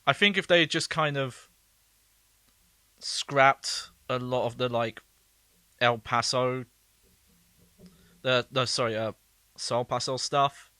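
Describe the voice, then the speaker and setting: A man's voice: mid-range voice, pushed and bright, no echo. A man streaming a game and giving casual, rambling commentary, laughing often.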